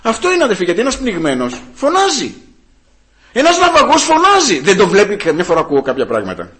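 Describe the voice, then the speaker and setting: A man preaching a sermon, moving from calm teaching to loud, fervent calls and often repeating hallelujah. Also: high-pitched.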